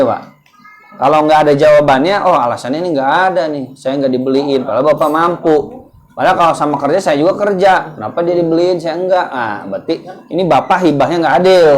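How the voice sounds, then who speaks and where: A man giving a casual religious lesson at a home gathering, talking in a conversational way and quizzing his listeners with questions. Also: on the high side. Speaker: ustaz teaching a religious study group.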